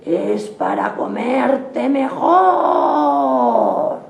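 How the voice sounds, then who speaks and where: A woman voicing a sly, hungry male wolf in a storybook reading, stretching each word slowly. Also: high voice, expressive, creaky, darkish tone, roomy sound, voice pushed up, full character voice.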